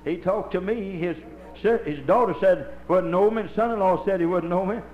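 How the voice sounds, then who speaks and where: Older preacher in an echoey church. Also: male voice, high-pitched, moderate pace, phone-quality sound, slight background noise. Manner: folksy, impassioned storytelling preaching. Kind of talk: Holiness sermon. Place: church with congregation. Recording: echoey live church recording.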